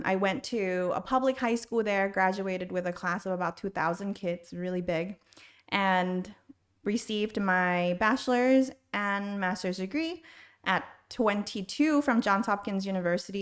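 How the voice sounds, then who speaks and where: A middle-aged school university counselor, born in Thailand and living in the United States since age six, answers interview questions conversationally as a podcast guest. She has an American accent. Her mid-range voice moves a little slowly and has a fairly bright tone.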